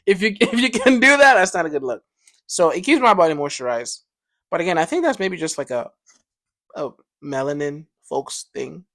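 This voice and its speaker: A man's voice: fairly high pitch, lively intonation, moderate pace, fairly bright tone. A young man co-hosting a casual podcast chat, joking and laughing often. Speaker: podcast co-host.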